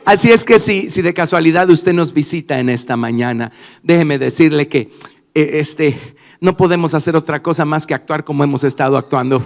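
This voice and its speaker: Gravelly, higher-pitched male church interpreter. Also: fairly quick. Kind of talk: prayer and sermon interpretation. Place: large church hall. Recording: reverberant church hall, faint music.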